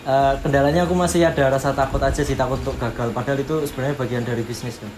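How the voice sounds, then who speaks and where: A twenty-one-year-old male student giving quick, matter-of-fact interview answers. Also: mid-range voice, fairly even intonation, poor audio. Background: background music.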